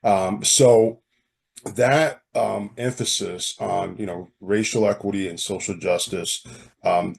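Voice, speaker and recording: A man with a cold speaks on a video call, his low voice gravelly and rough with fry. He pauses often and fills gaps with ums as he gives feedback. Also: a little mellow. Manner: hesitant, many fillers. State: hoarse from a cold. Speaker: steering group member. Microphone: video call, off camera.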